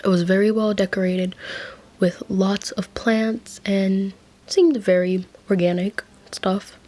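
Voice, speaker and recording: A woman's voice: medium pitch, fairly even intonation, slow, warm tone. A woman narrating a fan fiction story as whispered role-play, casual with chatty asides.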